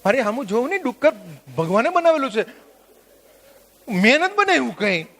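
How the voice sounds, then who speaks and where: A man leading a workshop, lecturing a live audience in an animated, joking way and putting questions to the listeners. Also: very high-pitched, fairly quick, a faint crowd. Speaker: workshop trainer. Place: workshop at a religious venue.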